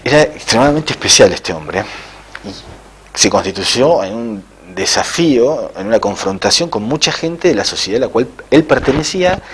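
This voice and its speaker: A middle-aged man, an interviewed author, telling a spiritual story in a halting way with frequent "eh" fillers. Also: mid-range voice, a little hiss or hum.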